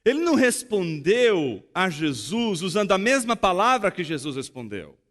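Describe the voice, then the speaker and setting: A man with a Brazilian Portuguese accent preaching a sermon in a church, swinging dramatically between loud emphasis and hushed tones. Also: high-pitched, very animated, normal speed. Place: church sanctuary. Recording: echoey church hall.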